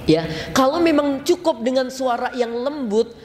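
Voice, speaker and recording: A man with a Javanese accent preaching to a congregation in a lively, chatty storytelling style, mixing in local slang and speaking to the listeners directly. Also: very high voice, unhurried. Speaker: Islamic preacher. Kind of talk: casual storytelling sermon. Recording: long hall reverb, faint noise.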